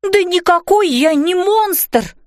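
A flustered but gentle fairy mom from a children's storybook, drawing out her spells and exclamations, voiced by a woman reader. Her voice is high and very lively, close and dry. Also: dry recording. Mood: indignant. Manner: exclamatory, slow emphatic commands.

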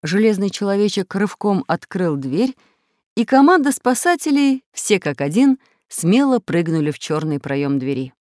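Woman, audiobook narrator, lively storybook reading, dry sound. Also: medium pitch, moderate pace, dry recording.

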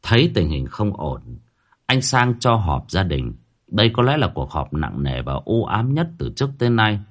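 Man, horror story narration, dramatic, lowish voice, very animated pitch. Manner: dramatic, slowing at tense moments.

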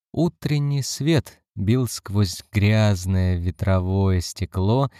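A man narrating an audiobook in a measured, calm reading. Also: deep voice, no room sound, clean studio sound.

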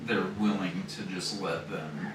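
Deep-voiced man in an echoey room. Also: fairly even intonation, a little slow. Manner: loose and rambling, heavy on fillers. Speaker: podcast co-host reviewing a film. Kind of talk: casual chat. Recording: very echoey room, distant mic, noisy.

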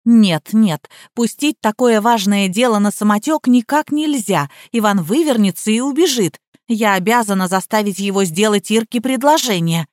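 A woman reads a first-person comic audiobook in a lively, ironic storytelling manner. Her voice is mid-pitched and the recording is dry and close. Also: moderate pace, hardly any pauses, no room sound. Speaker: audiobook narrator.

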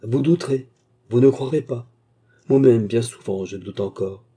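A man's voice: medium pitch, normal speed, warm tone, husky, lightly acted. A man reading the lines of a tormented nobleman in a grave, solemn, declaiming way.

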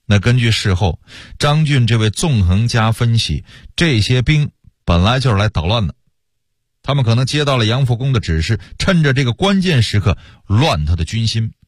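Male radio storyteller, husky voice, dry close sound, chatty asides. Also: medium pitch, normal speed, dry recording. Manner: lively, colloquial storyteller with asides.

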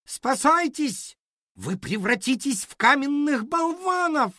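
A shrill, squealing storybook cat, put on by a man, excitable and nervous all at once. The voice leaps far above his own pitch and swings wildly up and down. It sounds dry and close, with no room around it. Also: slow pace, no room sound, exaggerated voice. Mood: excited. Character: excitable sniffly male cat, boastful yet nervous. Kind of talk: storybook character voice.

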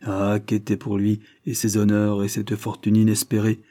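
A man narrating a classic novel as an audiobook, in a measured, steady reading. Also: lowish voice.

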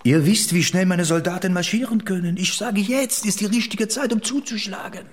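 An actor playing Napoleon, a megalomaniac French emperor, grandiose, imperious and mocking, in a radio drama. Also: male voice, high voice, moderate pace, close to an everyday voice. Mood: boastful.

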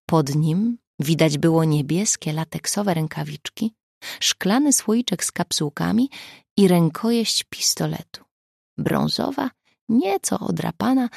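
A woman narrating a novel audiobook in a steady storytelling manner. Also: lowish voice, gravelly, breathy edge, no echo, clean studio sound. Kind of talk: scripted narration.

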